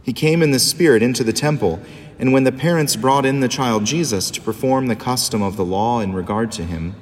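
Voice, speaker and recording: A man, a priest, reading the Gospel and preaching a homily in a measured, solemn liturgical manner, his voice ringing with cathedral echo. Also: mid-range voice. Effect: cathedral echo, long church reverb. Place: large church. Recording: long reverb in a large church.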